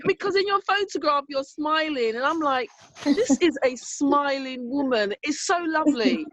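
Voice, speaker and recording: A woman's voice: sits high, animated, normal speed, fairly bright tone, dry recording. A woman co-hosting a casual video-call chat, effusive and chatty. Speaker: co-host. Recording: dull, dry video-call audio.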